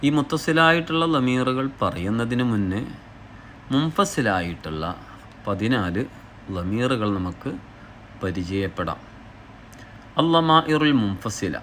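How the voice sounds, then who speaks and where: A man's voice: medium pitch, a bit bright, slight background noise. A man teaching a language lesson, reading each short phrase and then translating it, explaining step by step in a patient way. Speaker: Arabic teacher. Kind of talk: slow classroom explanation.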